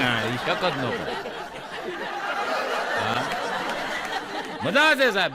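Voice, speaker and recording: A man doing stand-up comedy, telling jokes and acting out the dialogue in his stories. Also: high voice. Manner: lively storytelling, acts out dialogue. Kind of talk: Gujarati stage joke-telling. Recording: live stage show in a hall.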